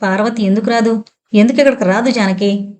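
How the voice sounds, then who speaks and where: A woman's voice: medium pitch, fairly even intonation, fairly quick, a little mellow, natural voice. Woman doing a firm, insistent father. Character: determined older father, firm and probing.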